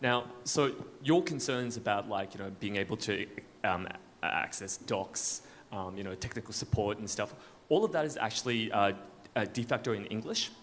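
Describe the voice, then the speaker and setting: A blockchain foundation panelist fields an audience question casually at a conference, his fairly low, slightly bright voice animated and moderately paced. He is heard over the event PA in a large, echoey, noisy hall.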